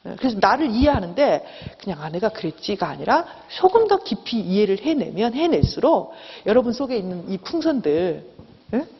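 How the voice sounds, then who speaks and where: A woman's voice: fairly high pitch, big pitch swings, moderate pace, slight background noise. A woman professor giving a seminar lecture, earnest and coaxing, often checking in with the class and acting out inner voices. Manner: acts out inner voices in a raised tone. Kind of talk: lecture to students. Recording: dull, lo-fi lecture hall recording with long reverb.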